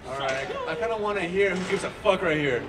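A man emcees an outdoor campus protest, leading chants and introducing speakers in a loud call-and-response. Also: high voice, fast talker. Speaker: rally emcee. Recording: distant echoey outdoor sound with loud crowd and noise.

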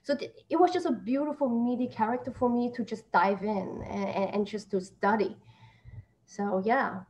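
A slightly high, darkish voice at a normal speed belongs to an actress in her thirties who was born in Taiwan and grew up in Austria. She gives conversational interview answers from a small, plain room indoors, using a computer mic on a video call that carries background noise.

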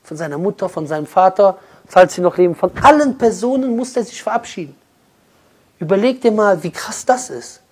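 A man preaching a sermon with a high-pitched voice, passionate throughout. He swings from loud, urging appeals to soft, hushed lines. He speaks straight to his listeners as brother and sister. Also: expressive, a little fast, husky.

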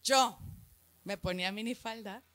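A woman's voice: medium pitch, a little slow, a bit bright. A middle-aged woman with a Mexican accent doing stand-up comedy, telling crude, slangy stories with punchy exclamations.

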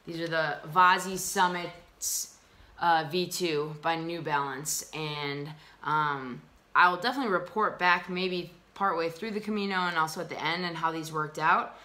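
Seated at a table in a small indoor room, a young woman from the US reviews hiking gear casually and cheerfully, filling her talk with ums. Her lowish voice is bright and forceful, moving a little slowly, and a laptop camera mic captures it.

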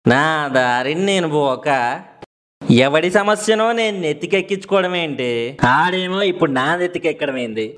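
A young man plays a comedy sketch, mixing Telugu and Hindi as he argues. He is exasperated and pushy, his voice high and swinging widely in pitch. Steady music plays underneath. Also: normal speed. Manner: switches between Telugu and Hindi. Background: background music.

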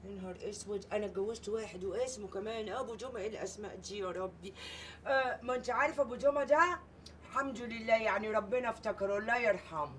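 A woman playing a loud, brash Egyptian comic woman. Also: mid-range voice, fast talker, slight background noise, natural voice.

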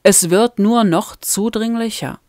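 A woman reading a fan-made audiobook, voicing a gruff, blunt male vampire lover in a lowered, curt, measured voice. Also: a little mellow, dry recording, studio quality, lightly acted.

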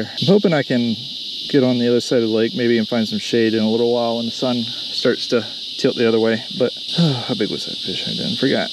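Man, Southern US accent, casual fishing vlog, self-deprecating chatter, outdoor phone recording, loud insect noise. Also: medium pitch, creaky. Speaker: kayak bass angler. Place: outdoors on a lake in a kayak. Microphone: phone camera. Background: insects and outdoor ambience.

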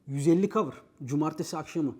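A man rattles through a comic storytelling monologue at a rapid clip. He is brash and slangy, mocking the people he describes, and he talks in an animated way throughout. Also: a little high, husky. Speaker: host.

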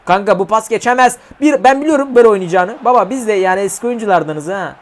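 Excitable young man yelling at a game. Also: high-pitched, fast. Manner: excitable, swears and shouts at the game; slangy, chatty with viewers. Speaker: gaming YouTuber. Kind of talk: live mobile football game commentary.

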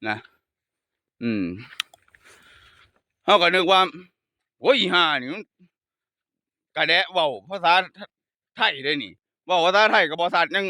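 A man's voice: sits high, measured pace, pauses often, pushed and bright, dry recording, studio quality. A man who is a Buddhist monk, speaking with a Northeastern Thai Isan accent, chatting and joking playfully while walking outdoors up a hill path. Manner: playful, laughs often, teasing storytelling. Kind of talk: casual joking chat.

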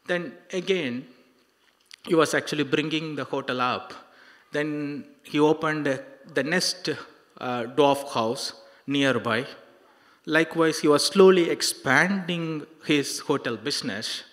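This sermon comes from a middle-aged man preaching to young people in a big indoor hall, recounting a life story with hesitations, repeated phrases and rhetorical questions. Somewhat high and slightly bright, his voice goes into a handheld mic held near his mouth, with hall reverb around it.

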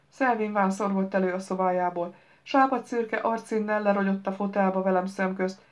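Woman audiobook narrator, wry and brisk, middle pitch, slightly dull lo-fi sound. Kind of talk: first-person novel reading.

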